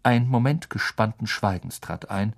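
A man narrating a children's novel in an expressive storytelling manner. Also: lowish voice, moderate pace, gravelly. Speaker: audiobook reader. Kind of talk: scripted narration.

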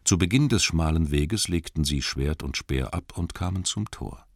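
A man narrating an audiobook in an expressive storytelling manner. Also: extremely low pitch, moderate pace, dry recording, clean studio sound.

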